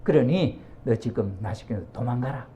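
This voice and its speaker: This is a worried mother from a retold bible story, pressing her son in a low, hushed voice, as a man narrating puts her on. The tone is mellow and dark. The pitch still moves about a lot. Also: lively intonation, moderate pace, slight background noise, close to an everyday voice. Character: anxious mother quietly scheming for her younger son.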